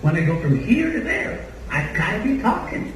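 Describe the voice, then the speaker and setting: A man's voice: on the high side, very animated, moderate pace. An Australian man, a body language trainer, leading a live seminar demonstration and drilling the audience with countdowns. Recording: echoey hall, mic far off, noisy.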